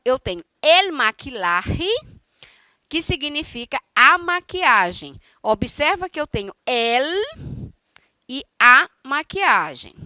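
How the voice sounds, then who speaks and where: Woman from Brazil, online lesson teacher, bright voice, dry close sound, checks in often. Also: high voice, no room sound. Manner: explains slowly, checks in with "tá?". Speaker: Spanish teacher.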